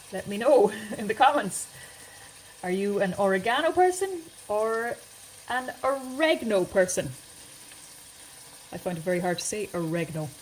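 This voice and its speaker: A woman's voice: medium pitch, slight background noise, rough recording. A woman hosting a home cooking video, chatting casually and thinking aloud as she cooks in her kitchen. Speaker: home cooking channel host.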